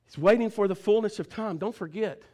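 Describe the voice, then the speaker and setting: A male pastor preaching a fervent sermon, calling out to his congregation and swinging between shouting and hushed low talk. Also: a little fast. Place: church service.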